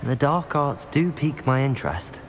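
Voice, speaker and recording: Man playing lively young wizard student. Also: medium pitch, moderate pace, slight background noise, lightly acted. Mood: curious. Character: curious, sympathetic young wizard student hero. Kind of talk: video game dialogue acting.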